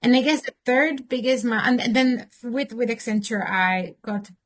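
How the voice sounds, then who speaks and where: A woman's voice: fairly high pitch, normal speed. A woman in her thirties from Slovakia, answering interview questions thoughtfully with frequent fillers and restarts. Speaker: interview guest, consultant.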